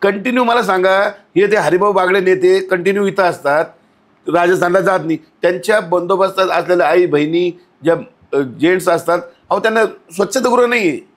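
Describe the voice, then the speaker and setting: He speaks fairly quickly in a high-pitched voice, an outspoken guest in a podcast interview about local civic issues. His manner is blunt and indignant, and he keeps scolding and throwing out rhetorical questions.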